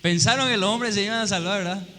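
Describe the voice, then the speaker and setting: Long hall reverb and faint room noise surround this sermon in a church hall. The pastor's voice sits high, moving at a quick pace with a sharp tone, as he fires call-and-response questions at his congregation and performs small quoted scenes for laughs.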